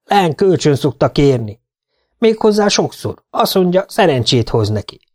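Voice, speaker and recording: A man's voice: fairly high pitch, big pitch swings, darkish tone, voice pushed up. A man voicing a big, hearty, boastful older sports fan who tells story after story. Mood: boasting. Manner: boastful, eager.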